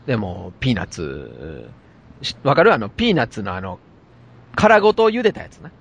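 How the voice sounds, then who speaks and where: A man with a Kansai accent telling an animated anecdote in casual chat. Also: on the low side, a little fast, gravelly, husky. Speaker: storyteller.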